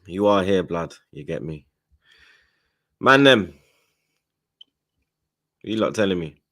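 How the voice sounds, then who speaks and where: A man's voice: sits low, lively intonation, slow, a bit bright. A man with a London accent hosting a football fan livestream in short, slangy, sweary phrases. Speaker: host of football fan show.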